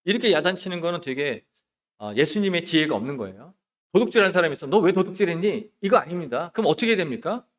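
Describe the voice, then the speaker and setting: A man preaching from the pulpit as a church's associate pastor, his somewhat high voice rising and falling widely in pitch. He poses rhetorical questions and answers them himself. His delivery swings from forceful emphasis down to quiet, hushed phrases. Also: sing-song, fast. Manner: swings between loud emphasis and soft near-whispers. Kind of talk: sermon. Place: church sanctuary.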